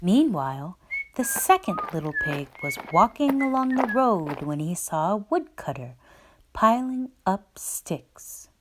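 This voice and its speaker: A woman reading a children's story aloud as a storyteller, with expressive, dramatic and emphatic phrasing. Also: medium pitch, a little slow, rough recording.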